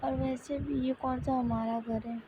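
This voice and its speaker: A woman's voice: sits high, level tone, measured pace, background noise. A woman voicing a lonely, stubborn young woman who sulks and pleads tearfully, in a narrated story. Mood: tearful sulking.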